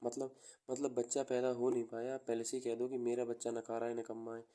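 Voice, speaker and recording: A man teaching an exam coaching class, explaining with everyday examples and dictating notes slowly. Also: medium pitch, monotone, mellow. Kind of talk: classroom lecture.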